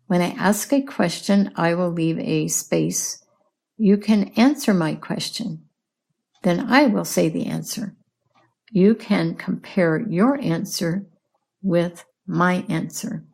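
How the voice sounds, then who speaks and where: Slow, gravelly-voiced woman teaching English. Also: lowish voice, a little mellow. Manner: patient, repeats and explains words. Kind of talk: slow, clear language lesson with questions and answers.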